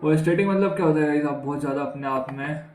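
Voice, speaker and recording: Chatty Indian teacher explaining vocabulary. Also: male voice, on the high side, fast talker, darkish tone, reverberant, slight background noise, poor audio. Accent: Indian English. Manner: conversational, repeats questions to students, says "guys". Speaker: English teacher. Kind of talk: exam vocabulary lesson.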